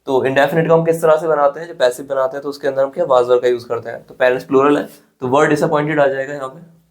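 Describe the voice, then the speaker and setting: A man's voice: mid-range voice, fairly even intonation, racing. An Indian man teaching an exam-prep English grammar lesson, explaining step by step and often checking in with his students. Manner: explains step by step, often asks "theek hai?".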